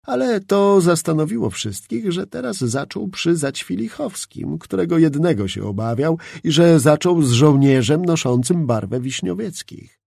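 A man's voice: on the high side, animated, moderate pace, vocal fry, dark tone, breathy edge, dry recording, studio quality. A man narrating a historical novel as an audiobook, reading expressively.

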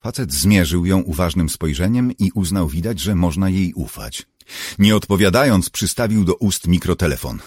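Low husky guy reading an audiobook, measured storytelling, dry close mic. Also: lively intonation, a little mellow, no echo. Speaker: audiobook narrator. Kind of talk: scripted narration.

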